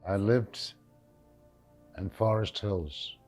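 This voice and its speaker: A man's voice: lowish voice, very slow, a little mellow, soft background music. An elderly man with a Yiddish accent reminisces in an interview in plain, short, often repeated phrases, dropping in Yiddish words. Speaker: Holocaust survivor giving testimony.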